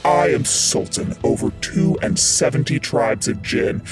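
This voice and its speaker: An actor voicing a proud, lonely, ancient male genie in a hollow, gravelly voice, speaking slowly and with command. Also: medium pitch, animated. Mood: solemn. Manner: slow, stately, commanding speech. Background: loud music.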